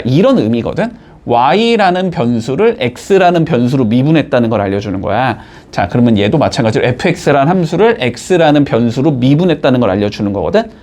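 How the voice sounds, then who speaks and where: A man's voice: on the high side, a little mellow. A man teaching a math lesson in a classroom style, explaining step by step and constantly checking in with his students through short questions.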